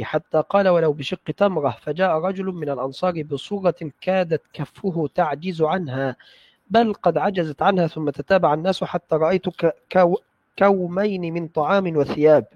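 In a study session, a man with a somewhat high voice recites classical hadith texts with measured care, pausing for brief checks of the text. The audio is dull, lo-fi, and close-miked with a dry feel and no echo.

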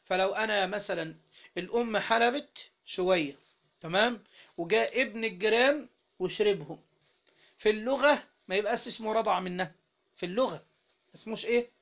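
A man's voice: sits high, fairly quick, pauses often, a bit bright. A man with an Egyptian accent teaching a classroom lesson on Islamic jurisprudence, reading a text aloud and explaining it, prompting his students with questions. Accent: Egyptian Arabic. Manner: keeps prompting students with questions, has them fill in words. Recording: dull lo-fi recording.

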